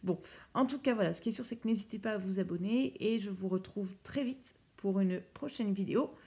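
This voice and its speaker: A woman's voice: mid-range voice, brisk, gravelly, mellow. A woman casually walking viewers through phone settings, hesitant and full of fillers and self-corrections. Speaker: YouTuber presenting phone accessibility settings. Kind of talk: casual tutorial walkthrough.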